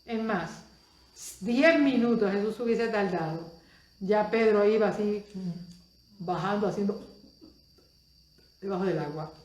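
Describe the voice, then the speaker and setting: A woman preacher delivering a Spanish-language sermon, moving between soft asides and loud exclamations and asking the audience many questions. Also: mid-range voice, a little slow, pauses often, reverberant.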